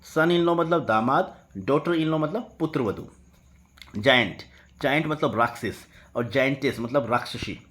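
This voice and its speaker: A man teaching English vocabulary. He spells words out slowly letter by letter and keeps checking in with "ठीक है". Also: mid-range voice, a bit bright, a little hiss or hum.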